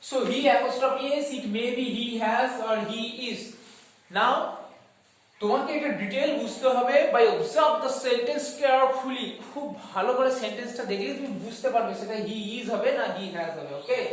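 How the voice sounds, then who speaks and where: A woman with a Bengali accent teaching an English grammar lesson, switching between Bengali and English, slowing down to stretch each English example word and asking whether the class has understood. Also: a little high. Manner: asks checking questions like "okay?" and "is that clear?". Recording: echoey room, voice far from the mic.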